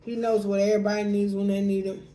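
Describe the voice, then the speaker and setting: An American woman chatting casually over a meal, telling things in colloquial, animated fashion. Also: medium pitch, fast. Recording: echoey room with faint background noise.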